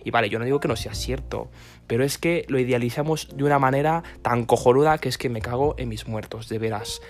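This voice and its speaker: A man in a mid-pitched voice rants with sarcastic, foul-mouthed humor, drifting from one tangent to the next. Faint guitar music plays softly behind him. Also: brisk. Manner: sarcastic, swears constantly, rambling. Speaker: vlogger. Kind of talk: profane comic rant.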